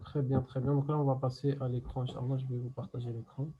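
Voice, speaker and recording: A man teaching a Quran recitation class online, patiently explaining step by step and repeating words slowly. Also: mid-range voice, flat delivery, slightly rough, dull audio.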